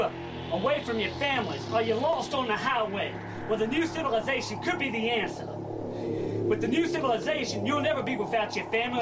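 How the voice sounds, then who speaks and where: An actor playing a sweaty male cult leader who pitches his group to truckers over a CB radio broadcast, in a salesy, stumbling, naturalistic way. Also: far from the mic, heavily acted. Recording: film clip from afar under loud music.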